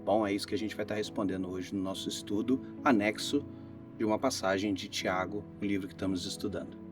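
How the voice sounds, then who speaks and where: A man's voice: on the low side, steady tone, fast talker. A Brazilian man giving an informal Bible lesson as a pastor, explaining things step by step and checking in with listeners, his voice tired and giving out after a flu. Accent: Brazilian Portuguese. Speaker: pastor teaching Bible study. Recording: guitar music behind the voice.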